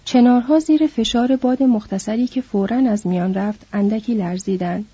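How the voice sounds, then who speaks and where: Brief: audiobook narrator woman, measured reading, somewhat high, husky, dull lo-fi recording. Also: warm tone, no room sound. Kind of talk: novel reading.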